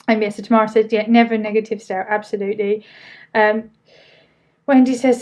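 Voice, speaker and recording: A woman with an Essex accent hosting a casual live training, chatting informally as she reads out and answers questions, with loosely pronounced words. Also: fairly high pitch.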